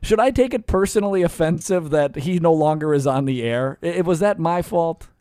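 A man's voice: a little high, moderate pace, mellow, no echo, clean studio sound. A man hosting an interview, chatty and self-deprecating, often stammering over restarts. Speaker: host. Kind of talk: casual interview chat. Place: Canada.

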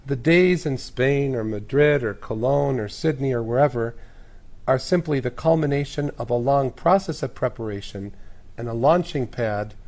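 A man with a hoarse, raspy voice worn out from shouting, explaining things as a priest in a measured way on a discussion panel. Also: mid-range voice. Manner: measured, uses analogies and lists. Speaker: priest, guest commentator.

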